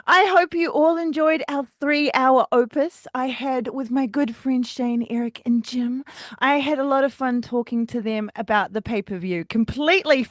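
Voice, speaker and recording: A woman hosting her own podcast in a casual, rambling way, swearing freely and wandering off on tangents. Her voice sits fairly high and swings widely in pitch. The recording is dry and close. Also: no echo. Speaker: podcast host. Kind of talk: casual solo podcast chat.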